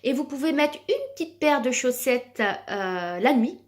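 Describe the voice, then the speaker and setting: A woman with children sells a cream on her vlog, talking through a demonstration in a high-pitched, sing-song voice at a measured pace. She leans heavily on fillers and says words more than once.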